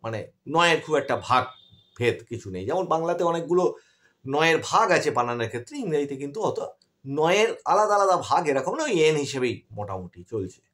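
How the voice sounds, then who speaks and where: A man's voice: on the high side, big pitch swings, fast, a bit bright. A man teaching English grammar in an online class, explaining patiently and asking his students questions as he goes.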